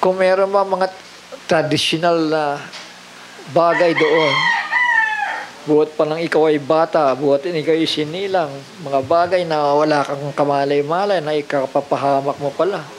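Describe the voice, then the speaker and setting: A man's voice: fairly high pitch, steady tone, normal speed, a little hiss or hum, rough recording. A man preaching a sermon, mixing in English phrases and often asking the congregation rhetorical questions.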